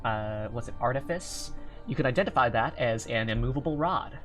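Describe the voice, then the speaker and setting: A man's voice: medium pitch, animated, a little fast, fairly bright tone, soft background music. A man running a tabletop game as game master, narrating off the cuff in an informal, sweary way.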